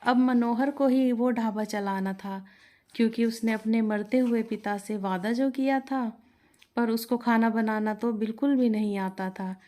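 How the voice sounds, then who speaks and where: A woman's voice: on the high side, steady tone, measured pace, dark tone. A woman reading a moral storybook tale aloud as narrator, voicing each character in the dialogue herself.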